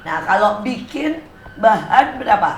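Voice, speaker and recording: A woman's voice: mid-range voice, sing-song, a little slow, vocal fry, roomy sound, a loud crowd. A woman hosting a casual interview show in a garden, chatty and teasing, asking many questions. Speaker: host. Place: outdoor garden.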